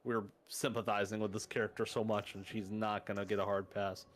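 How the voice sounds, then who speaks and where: A man's voice: fairly low pitch, flat delivery, fairly quick, a little hiss or hum. A man hosting a game stream, chatting casually with sarcastic jokes. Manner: joking, sarcastic banter. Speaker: streamer host. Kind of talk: casual gameplay chat.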